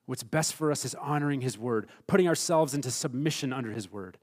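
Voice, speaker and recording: A man preaching a sermon as pastor, emphatic, swinging between loud stressed phrases and hushed, quiet asides. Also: medium pitch, a little fast.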